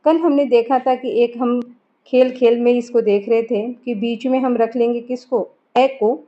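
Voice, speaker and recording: A woman with a somewhat high voice teaches a grammar lesson. She explains step by step and poses questions that she answers herself. The recording sounds dull and lo-fi. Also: steady tone, unhurried. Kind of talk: classroom lesson.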